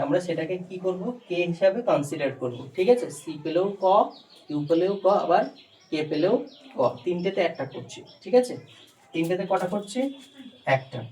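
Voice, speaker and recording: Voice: medium pitch, darkish tone. Patient teacher quizzing a learner, far mic. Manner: patient, quizzing with repeated questions. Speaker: spoken English teacher. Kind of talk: phonics lesson in Bengali. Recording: distant mic, faint background noise.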